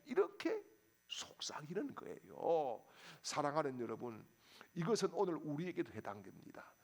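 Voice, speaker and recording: A male pastor delivers a sermon with a high voice that leaps up and down with wide swings. His tone carries a gravelly edge, and he keeps throwing rhetorical questions at the congregation. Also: wildly swooping pitch, normal speed.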